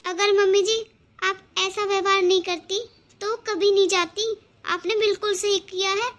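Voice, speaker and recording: A gentle young daughter-in-law. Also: female voice, very high voice, normal speed, highs cut off. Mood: coaxing. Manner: calm, coaxing.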